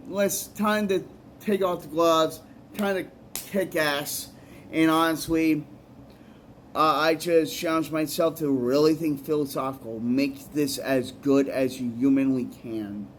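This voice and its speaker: A man's voice: on the high side, slight background noise. A man, a musician and poet, giving rambling, earnest advice in a casual vlog, often repeating himself.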